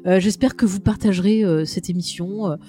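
A woman's voice: medium pitch, fairly quick, warm tone, soft background music. Chatty woman podcaster with an accent. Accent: regional French accent. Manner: chatty, teasing, hesitant fillers. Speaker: podcast co-host. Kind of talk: casual podcast chat. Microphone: headset.

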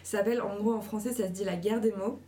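A woman's voice: mid-range voice, steady tone, fast, mellow, slight background noise. Chatty encouraging woman giving advice. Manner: encouraging, chatty, many fillers. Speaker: host giving writing advice. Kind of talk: casual advice talk to viewers.

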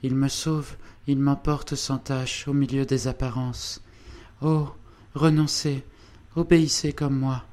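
Un homme lisant une jeune femme pieuse et fragile. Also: male voice, medium pitch, little pitch movement, slow, darkish tone, natural voice. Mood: fervent. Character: frail young woman, devout and resigned.

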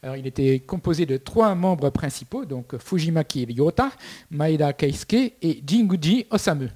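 A man's voice: fairly high pitch, lively intonation, normal speed, a little mellow, slightly rough. A man co-hosting a casual podcast, presenting his segment with many fillers and restarts. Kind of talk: casual chat.

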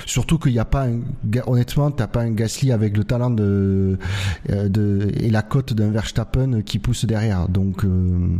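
Mellow-voiced male panellist. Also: on the low side, normal speed. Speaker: motorsport talk show panellist. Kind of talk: casual panel discussion.

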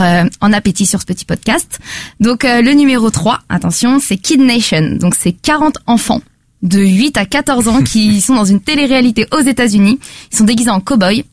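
A woman's voice: fairly high pitch, dry recording, clean studio sound. A woman presenting her podcast pick in a casual French chat, chatty and full of fillers. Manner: chatty, animated, many fillers. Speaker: podcast reviewer.

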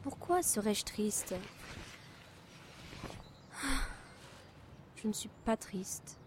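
A woman playing a sulking, tearful young lover in an amateur audio drama, evasive and halting, then reproachful. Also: medium pitch, lively intonation, darkish tone, a little hiss or hum, close to an everyday voice. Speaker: voice actress.

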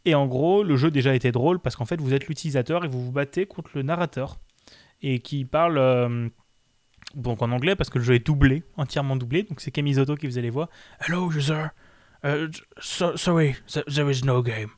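A man's voice: medium pitch, brisk, darkish tone, no room sound. A man co-hosting a casual video game chat, enthusiastic and rambling with fillers. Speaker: game show co-host.

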